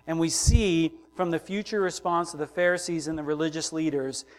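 A middle-aged male pastor delivers a sermon in a voice pitched a little high. He swings between soft, intimate passages and loud, emphatic build-ups, slipping into the voices of the people in his story. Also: steady tone, moderate pace.

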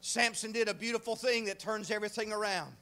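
A preacher man, delivering a folksy sermon that swings from hushed talk to shouting. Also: sits high. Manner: fervent, swings from hushed to shouting, drawn-out emphasis; folksy, frequent "uh" fillers.

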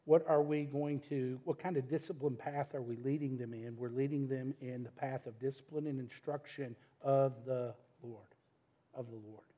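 A middle-aged pastor with a drawl delivers a sermon, pressing his points home and calling out to the congregation. His voice sits at an ordinary pitch, and the recording sounds a little dull and muffled. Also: fairly even intonation, moderate pace, hardly any pauses. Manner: emphatic, addresses the congregation directly.

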